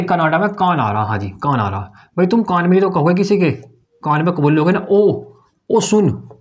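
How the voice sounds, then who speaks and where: A man's voice: on the high side, darkish tone. A male teacher giving an exam-prep lesson at a board, asking and answering his own questions and repeating every point. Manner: explains memory tricks with small acted dialogues. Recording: dull lo-fi recording.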